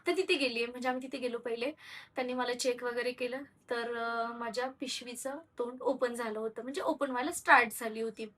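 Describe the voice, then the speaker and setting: Young woman vlogger, candid and rambling, bright tone, distant mic. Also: a little high, fairly even intonation, a little fast. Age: young adult. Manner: candid, rambling, with frequent hesitations and restarts. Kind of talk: personal storytelling to viewers.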